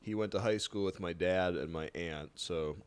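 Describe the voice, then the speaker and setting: A man's voice: low voice, normal speed, smooth. A man, a filmmaker guest on a podcast, telling anecdotes in an amused way. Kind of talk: casual interview chat.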